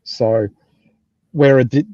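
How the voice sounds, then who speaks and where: A middle-aged man with an Australian accent giving casual, blunt advice and anecdotes, sometimes halting as he thinks aloud. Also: medium pitch, fairly even intonation, dark tone, no echo. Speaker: tech team lead giving career advice. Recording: dull, lo-fi, close dry sound.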